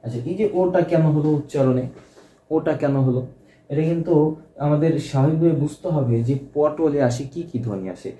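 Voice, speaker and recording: A man's voice: a little high, a little fast, dark tone, roomy sound. A man teaching a grammar lesson, explaining step by step and checking that students follow. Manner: explanatory, repeats key points and checks with "ঠিক আছে?".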